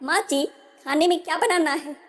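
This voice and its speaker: A woman's voice: high-pitched, normal speed, lightly acted. A woman voicing a polite, dutiful young newlywed daughter-in-law in a storybook tale. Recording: long hall reverb.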